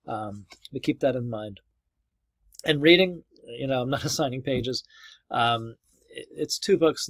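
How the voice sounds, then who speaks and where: A man who is slightly losing his voice, talking students through an online course in a relaxed, casual way, with many ums and small restarts. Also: mid-range voice, no room sound. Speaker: course instructor. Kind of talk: casual recorded course walkthrough.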